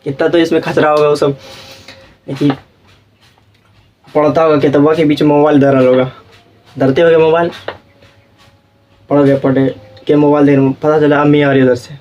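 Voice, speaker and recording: A man's voice: on the high side, little pitch movement, normal speed, long pauses, darkish tone, lo-fi sound, a little hiss or hum. A young man teaching a school class, lecturing as he goes and checking again and again that his students follow, sometimes acting out the children and parents he talks about. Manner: asks "samjhe?" after nearly every point.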